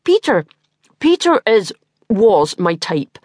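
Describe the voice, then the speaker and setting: A woman's voice: a little high, sing-song, normal speed, no echo, clean studio sound, pitched above the performer's own voice. A woman voicing an exasperated, blunt young mother who swears freely, in an audiobook.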